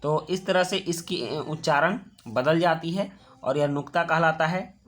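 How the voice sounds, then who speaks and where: A male teacher with a slightly high voice walks children through a worksheet. He explains patiently, step by step, repeating each word slowly so it sinks in.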